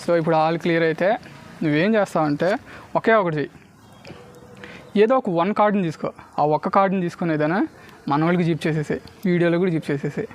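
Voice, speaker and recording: A man with a Telugu accent doing loud, bantering street magic patter for spectators, dropping in English words. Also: on the high side, quick pace. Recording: clearly noisy on-location recording.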